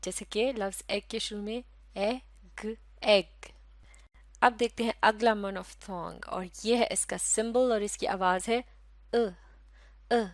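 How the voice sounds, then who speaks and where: A woman from Pakistan gives a recorded English phonetics lesson with a Pakistani Urdu accent. She speaks patiently at a middling pitch, repeating each sound slowly several times. Her voice is dry and close to the mic. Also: steady tone, dry recording. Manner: patient, explains step by step. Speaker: English teacher.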